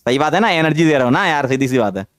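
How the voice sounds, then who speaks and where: A man teaching chemistry in an online lecture, energetic, firing questions at students and repeating phrases to drive points home. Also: a little high, very fast, dry recording, studio quality. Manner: mixes English terms into speech.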